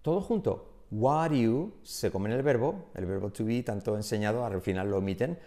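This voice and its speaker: A man from Spain with a Spain Spanish accent, an English pronunciation teacher giving an energetic online lesson and drilling example phrases aloud. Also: fairly low pitch, normal speed.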